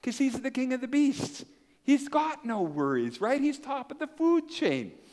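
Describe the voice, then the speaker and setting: A man's voice: very high-pitched, a little slow. A man preaching to a congregation of children and adults, telling a story and asking the crowd questions. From Canada. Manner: animated storytelling, acts out voices and asks the crowd questions. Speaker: pastor.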